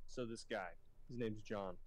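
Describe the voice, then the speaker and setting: A man's voice: on the low side, no echo. A man co-hosting a podcast in casual chat, telling jokes in a playful, easygoing way. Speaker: podcast co-host.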